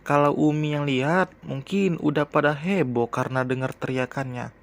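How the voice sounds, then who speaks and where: A man's voice: a little high, fairly even intonation, moderate pace, gravelly. A teasing, practical younger sister , as a male storyteller puts her on, chiding her older sister with a lightly raised voice. She sounds level and unflustered in this storybook reading.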